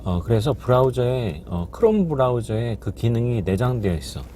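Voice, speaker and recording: A man teaching English in a casual podcast lesson, halting with many fillers and slowly repeating practice phrases. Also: medium pitch, sing-song, dark tone, a little hiss or hum.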